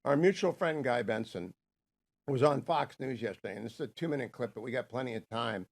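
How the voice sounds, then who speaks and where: A man in his sixties hosting a radio talk show, hoarse from laryngitis, brisk and opinionated. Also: mid-range voice, animated. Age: 60s. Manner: brisk, opinionated, reads ad copy.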